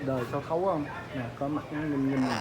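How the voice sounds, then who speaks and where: A woman's voice: rumbling low, fairly even intonation, fast, over a noisy crowd. An older woman with a Southern Vietnamese accent, coaxing and scolding her pet bird at home in a casual home video. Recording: loud background noise, bird calls.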